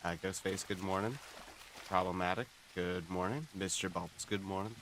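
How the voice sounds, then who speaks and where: Male streamer, low gravelly morning voice, kept quiet and relaxed, faint noise behind. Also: moderate pace, low-quality recording. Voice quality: groggy morning voice. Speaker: game streamer. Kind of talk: casual live-stream chat.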